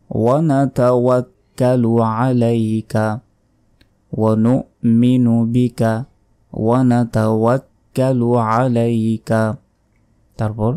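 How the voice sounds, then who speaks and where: A man teaching prayer recitation, drawing out each word slowly between quick explanations. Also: medium pitch, warm tone, smooth. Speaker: religious teacher. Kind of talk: recitation lesson.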